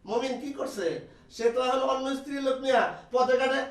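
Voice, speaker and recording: An actor playing Sulaiman, a jealous, quarrelsome husband in a comedy TV drama who yells and teases his wife. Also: extremely high pitch, fairly even intonation, quick pace, recorded from a distance. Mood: teasing. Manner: shouting, teasing, quarrelsome. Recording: roomy sound from off the mic.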